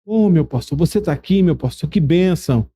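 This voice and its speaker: A man's voice: a little high, animated, brisk, mellow, husky. A man voicing a frail elderly woman in a hospital bed, speaking with tender gratitude. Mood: grateful.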